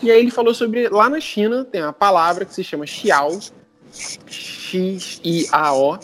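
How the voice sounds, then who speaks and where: A young Brazilian man with a Brazilian Portuguese accent, telling anecdotes in a casual, slangy, animated chat. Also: high-pitched, a little slow.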